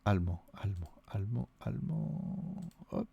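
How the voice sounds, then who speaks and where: A man's voice: low voice, big pitch swings, a little slow, vocal fry, warm tone, muffled recording, slight background noise. A man with a Vaudois Swiss accent, thinking aloud and counting under his breath as he plays through a solo board wargame. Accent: Vaudois Swiss French.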